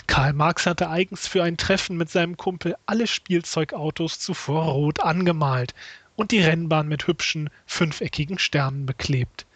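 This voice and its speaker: A man narrating an absurd comic tale in a mock-serious, storybook way. His voice sits somewhat high with a husky edge. It is recorded close and dry. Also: dry recording.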